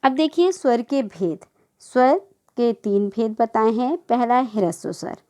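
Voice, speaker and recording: A woman teaching a school grammar lesson, patiently repeating definitions, checking whether the class understood, and drawing out vowel sounds slowly as she lists them. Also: fairly high pitch, expressive, dark tone.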